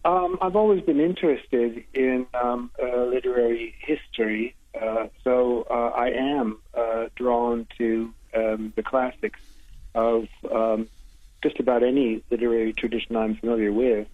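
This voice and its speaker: A man answering radio interview questions as a literary translator, halting with many hesitations and restarts. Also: medium pitch, fairly even intonation, no room sound. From United States. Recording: tinny phone line, dry.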